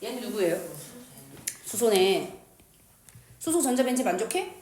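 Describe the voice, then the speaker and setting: Lively, playful woman teaching chemistry. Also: on the high side, unhurried, slight background noise. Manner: playful, asks the class questions and answers them herself; uses slang and crude jokes. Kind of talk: lively classroom lecture. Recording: echoey room.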